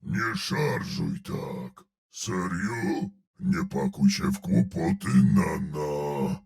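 In a video game, an actor voices a huge, gruff male brute, growling terse battle callouts and dry, sardonic remarks. The gravelly voice is extremely low and extremely slow, animated and exaggerated.

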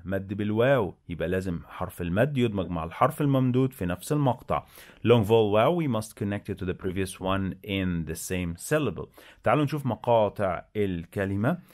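A man with an Egyptian accent teaching Arabic reading, slowly sounding out syllables one by one and then explaining in quicker asides. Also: fairly low pitch, lively intonation, darkish tone. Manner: slow, drawn-out syllable-by-syllable enunciation. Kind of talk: bilingual reading lesson.

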